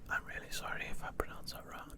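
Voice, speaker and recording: Whispering ASMR creator from the UK. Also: quick pace. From United Kingdom. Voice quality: breathy unvoiced whisper. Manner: chatty, self-deprecating, playful. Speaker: ASMR creator answering viewer questions.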